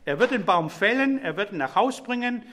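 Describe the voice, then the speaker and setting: Middle-aged guy preaching, pretty high voice, chatty explaining tone, talks right to the congregation. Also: expressive, brisk, fairly bright tone. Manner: conversational, explanatory, addresses congregation directly. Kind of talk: sermon.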